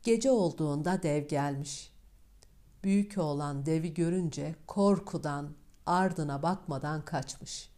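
A woman tells a fairy tale in a calm, measured storytelling voice. Her tone is low and mellow, and she takes her time with every phrase.

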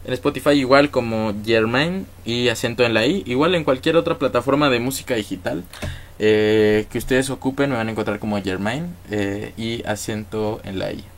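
A man's voice: medium pitch, moderate pace, a little hiss or hum. A man with a Mexican accent, a musician guest in a casual interview, talking in an easygoing, thankful way with lots of fillers. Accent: Mexican Spanish.

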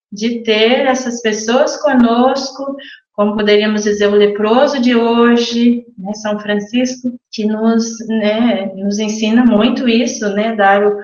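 A woman, a nun as an interview guest, speaking reflectively with frequent fillers. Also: on the high side. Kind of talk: radio interview answer. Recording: echoey, slightly muffled room.

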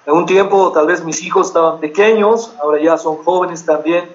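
A man's voice: on the high side, normal speed, muffled recording. A middle-aged man preaching a sermon as pastor, earnest and repetitive, often checking in with his listeners with short questions.

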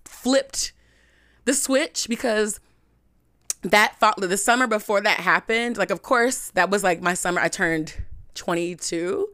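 A young woman hosting a podcast, telling a candid personal story in a frank, chatty way, full of "like" and animated swings in pitch. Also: a little slow, no echo. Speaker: podcast host.

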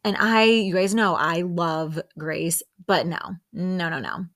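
A young woman hosting a podcast, casually recapping a reality TV reunion and acting out the quotes in a higher voice. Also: takes it slowly, fairly bright tone. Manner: chatty, says "like" often, acts out quotes in higher voices. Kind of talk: casual chat.

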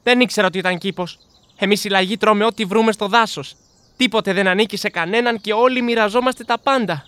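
A woman voicing a shy, honest male hare, a father, in a storybook reading, earnest and soft-spoken. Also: medium pitch, no echo, voice pushed up, natural voice. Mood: puzzled, sincere. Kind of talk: storybook character voice.

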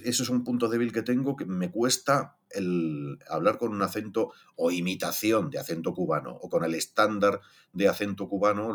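A man, a voice actor chatting casually in an interview, animated and self-deprecating with casual swearing. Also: sits low, slightly rough. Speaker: voice actor guest.

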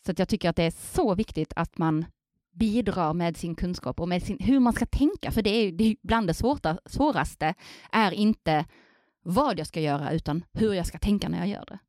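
A woman speaking as a surgeon guest on a podcast, lively and acting out quoted voices in casual chat. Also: fairly low pitch, no room sound, studio quality.

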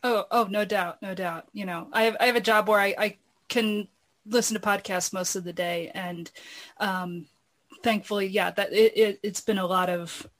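A woman's voice: mid-range voice, steady tone, normal speed. A woman chatting casually and discursively, often padding her thoughts with "you know". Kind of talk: casual chat.

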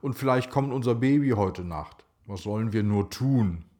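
A man's voice: lowish voice, lively intonation, moderate pace, darkish tone, lightly acted. A man telling a children's story, voicing a tired, tearful pregnant woman. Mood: weary. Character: weary pregnant young woman.

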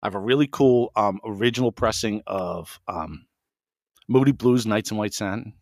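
A man co-hosting a music show in casual chat, excitable and quick to react with exclamations. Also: on the low side, vocal fry, no room sound, studio quality. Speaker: podcast co-host.

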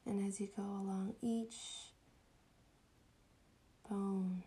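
A woman leading a guided meditation in a soft, breathy, often whispery voice, soothing and hushed like at a spa, with long pauses. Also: mid-range voice, flat delivery.

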